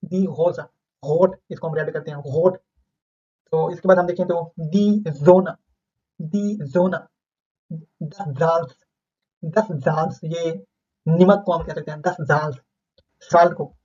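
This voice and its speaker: A man's voice: a little high, steady tone, slow, pauses often, a little mellow, slightly rough. A man teaching a beginner vocabulary lesson, saying each word twice and then explaining it. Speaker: language teacher. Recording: dull lo-fi recording.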